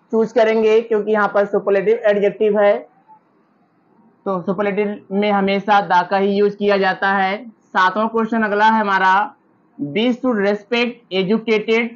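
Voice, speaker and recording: Woman teacher, slow read-out questions. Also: mid-range voice, little pitch movement. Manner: reads each English question slowly, then explains step by step. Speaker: English teacher. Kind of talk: exam-prep lesson explaining answers. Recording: slightly dull lo-fi recording.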